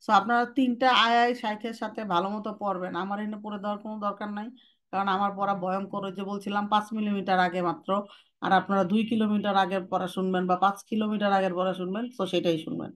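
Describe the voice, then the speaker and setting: A woman teaching Quranic letter pronunciation in a class, casual and direct, drawing out sounds slowly to demonstrate them. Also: mid-range voice, flat delivery. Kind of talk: online class instruction.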